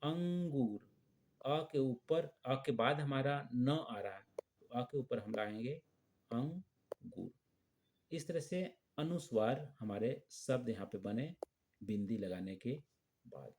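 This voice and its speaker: A man's voice: mid-range voice, animated, measured pace, darkish tone, a little hiss or hum. A man teaching young children, patiently spelling out letters and words one by one.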